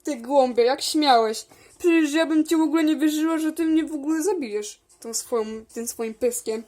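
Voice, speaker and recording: A woman's voice: sits high, normal speed, warm tone, close to an everyday voice. A woman voicing a rude, quarrelsome female hamster who scolds and calls names, in a toy figure role-play. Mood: scolding. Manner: scolding, name-calling.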